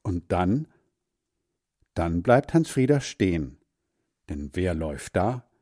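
Male storybook narrator, unhurried, lively intonation. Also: sits low, dry recording, clean studio sound. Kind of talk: reading a children's story aloud.

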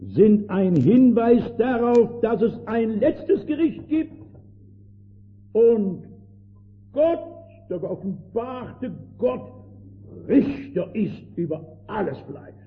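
Older male preacher, fervent sermon delivery with sharp loud-soft swings; thin lo-fi archival sound. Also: high-pitched, animated, slow pace, pauses often. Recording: tinny old lo-fi recording with faint hiss.

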